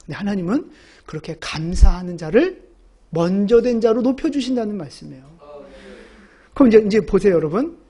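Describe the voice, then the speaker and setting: A woman's voice: mid-range voice, expressive, brisk, warm tone, breathy edge. A woman pastor preaching a sermon, emphatic and asking the congregation rhetorical questions.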